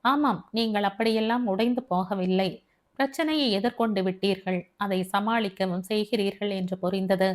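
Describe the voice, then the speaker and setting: A sincere man who comforts a friend and reasons things through calmly, voiced by a woman reading an audiobook. His voice sits at a medium pitch. He talks in an earnest, gentle way. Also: normal speed, lightly acted.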